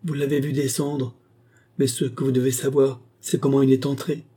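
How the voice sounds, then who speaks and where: A man's voice: mid-range voice, level tone, moderate pace, dark tone, slightly rough, pitched above the performer's own voice, close to an everyday voice. A man voicing a desperate young governess who pleads in a broken, sobbing voice. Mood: pleading. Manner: pleading, breaking voice.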